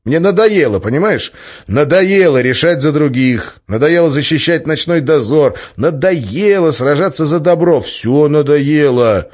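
A man's voice: medium pitch, animated, normal speed, a little mellow, voice pushed up, natural voice. A man playing a weary, fed-up magician. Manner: curt, grumbling, flaring into outbursts. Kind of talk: audiobook character voice. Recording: slightly muffled lo-fi recording.

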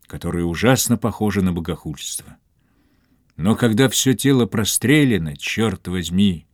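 A phlegmatic mercenary captain, as a man plays him answers calmly with a wry dryness. His voice stays low and even in a dead, close recording. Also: no room sound, close to an everyday voice. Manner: calm, unflappable, wry. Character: phlegmatic male mercenary captain, dry humor.

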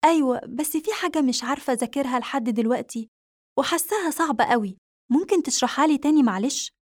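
A woman's voice: sits high, expressive, fast talker, no echo, studio quality. Shy young woman, hesitant and coaxing, read by the narrator. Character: shy young female student.

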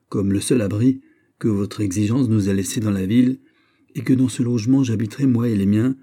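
A man's voice: lowish voice, mellow, natural voice. A man reading aloud, voicing a proud, stiffly polite young French count in an audiobook. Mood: defiant.

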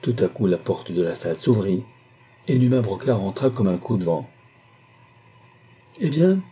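A man narrating a classic novel in measured, even phrasing. His voice is very dark and mellow, low in pitch, with a husky, breathy edge. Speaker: audiobook reader. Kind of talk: scripted literary narration.

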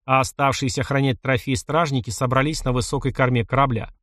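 A man narrating an adventure novel in an even storytelling voice. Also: medium pitch, fast talker, no room sound, clean studio sound. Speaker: audiobook narrator. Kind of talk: scripted narration.

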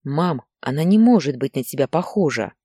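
A woman's voice: low-pitched, animated, normal speed, dark tone, slightly rough, dry recording, studio quality. A woman voicing a tired, resentful adult daughter who speaks sharply and with reproach, in an audiobook story. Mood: reproachful.

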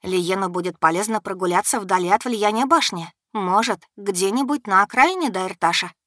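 A woman voicing a lively, caring young heroine with eager, animated speech. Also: medium pitch, moderate pace, no echo, clean studio sound, close to an everyday voice.

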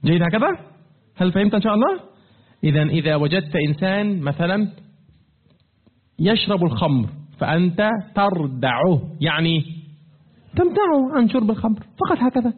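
A man teaching a religious lesson, asking his listeners questions and repeating them, his pitch swinging up and down as he slows to stress key words. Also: very animated, husky. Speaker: teacher of Quran commentary. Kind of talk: classroom-style religious lesson. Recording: tinny phone-like lo-fi recording.

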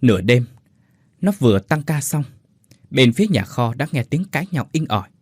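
A man's voice: medium pitch, sing-song, normal speed, husky, no room sound, studio quality. A man voicing a blunt female factory worker who tells a sad tale and chokes up. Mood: sorrowful. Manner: bossy, scolding, then choked up.

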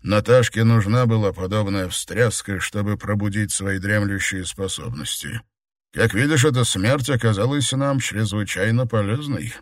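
A cold, manipulative emperor, as a male narrator plays him, calm and measured, with a low voice. He sounds self-assured and unhurried. The read is dry. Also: dry recording, natural voice. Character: scheming emperor, middle-aged man, cold manipulator. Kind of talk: audiobook character voice.

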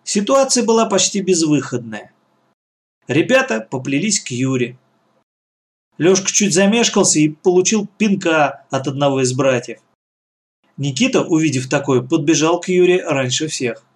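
A man's voice: on the high side, animated, normal speed. A man reading a children's adventure story aloud as the narrator. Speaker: audiobook reader.

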